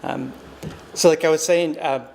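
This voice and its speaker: A native Spanish speaker from Costa Rica in his thirties, this visiting artist talks a little slowly in a rather high yet darkish, creaky voice with fairly even intonation. He sounds reflective and unsure, stumbling through ums and restarts. Recorded in a reverberant gallery, the audio has long hall reverb and faint noise.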